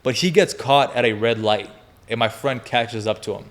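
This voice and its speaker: Man, twenties, podcast guest, energetic profane storyteller, laughs along, medium pitch. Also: normal speed. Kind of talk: animated storytelling in casual chat.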